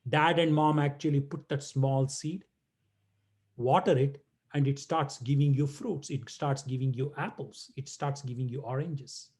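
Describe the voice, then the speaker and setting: A man's voice: medium pitch, fairly even intonation, measured pace, darkish tone. A man giving a playful talk to children over a video call, teasing and chanting verses. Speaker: guest speaker.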